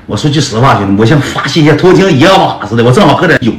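A man's voice: medium pitch, expressive, very fast. A man casually tells a rambling personal story, full of slang and calling his listeners brothers. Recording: echoey room with guitar music.

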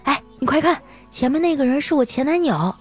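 A woman's voice: sits high, lively intonation, fairly quick, darkish tone, soft background music, voice pushed up. A woman voicing a coy young girlfriend who wheedles and coos at her boyfriend. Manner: cooing, wheedling.

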